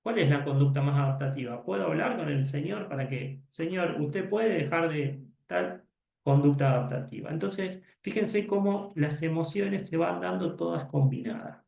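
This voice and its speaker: Male psychologist, lecture delivery with acted-out exchanges; slightly high voice, roomy echo. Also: normal speed, vocal fry, a little mellow. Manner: explanatory, acts out dialogues, self-corrects. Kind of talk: conference lecture.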